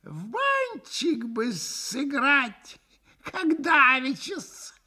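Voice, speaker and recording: A man's voice: extremely high pitch, wildly swooping pitch, extremely slow, pushed and bright, pitched above the performer's own voice, full character voice. A man voicing a fawning old male hanger-on who giggles and wheedles. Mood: giggly, fawning.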